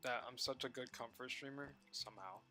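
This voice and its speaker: Young man, game streamer, tired, rambling chat, bright forceful voice, faint music behind. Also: medium pitch, fairly even intonation, fairly quick. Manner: rambling, laughing, trailing off mid-sentence. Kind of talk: casual live-stream chat.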